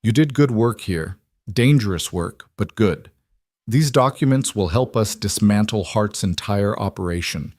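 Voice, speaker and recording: A man's voice: lowish voice, lively intonation, measured pace, darkish tone, no room sound. A man doing a stern federal marshal. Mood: warm.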